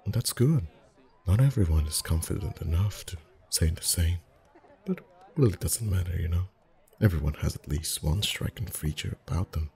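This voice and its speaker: A voice actor plays a friendly festival face painter in an intimate ASMR roleplay, speaking with a very deep, mellow voice that carries vocal fry. Soft-spoken yet chatty and animated at a moderate pace, he gently teases and flirts while reassuring his customer.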